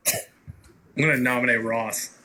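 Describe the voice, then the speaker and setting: A man giving short, low-key replies as a player in a social deduction game. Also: fairly even intonation, slow, crowd noise. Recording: echoey room, noisy, clicks.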